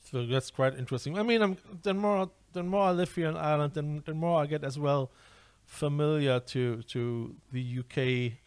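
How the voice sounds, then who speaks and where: Hesitant man hosting, higher voice. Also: moderate pace, hardly any pauses, clean tone, dry recording. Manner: hesitant, repeats words, restarts often. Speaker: podcast host. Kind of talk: casual interview over a video call. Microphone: video call.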